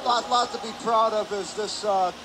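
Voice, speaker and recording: Broadcasting from an indoor hockey rink, a man works as color commentator, giving live analysis of the game in a high voice with fairly even intonation at a normal speed. Ambient arena noise comes through clearly, and the broadcast has a noisy hum.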